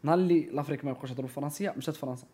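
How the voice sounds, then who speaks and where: Man, Moroccan Arabic accent, higher-pitched, rapid-fire. Emphatic podcast talker who code-switches into French and English. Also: mellow, husky. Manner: opinionated, emphatic, often checks the listener follows; mixes French and English words into speech. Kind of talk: casual podcast conversation.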